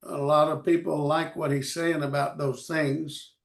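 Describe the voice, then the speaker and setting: A man teaching a Bible study in short phrases, pausing for an interpreter, halting with many fillers. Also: fairly high pitch, little pitch movement, vocal fry.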